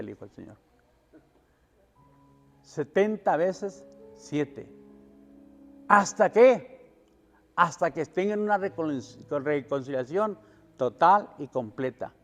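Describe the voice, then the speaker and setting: A man pastor preaching a sermon, asking his congregation questions and answering them himself, swelling louder on key words. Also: a little high, lively intonation, takes it slowly, long pauses, in a large hall, soft background music. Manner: preaching with call-and-response questions and swells in volume.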